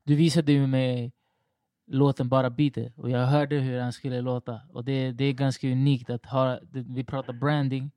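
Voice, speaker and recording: A man from Stockholm hosting a casual podcast chat, laid-back and slangy, talking in quick bursts. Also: medium pitch, level tone, mellow, no echo. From Rinkeby, Stockholm, Sweden.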